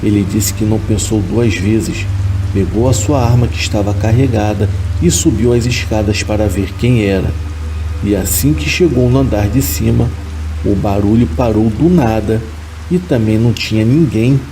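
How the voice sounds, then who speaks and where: Calm male horror narrator, low and warm, over faint music. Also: moderate pace, poor audio. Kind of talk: scripted narration.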